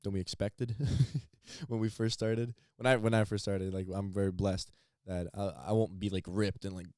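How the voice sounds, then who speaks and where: A teenage man co-hosting a podcast in casual chat, halting and repeating words as he thinks. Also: fairly low pitch, fairly even intonation, darkish tone, dry recording, studio quality. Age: teens. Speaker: podcast co-host.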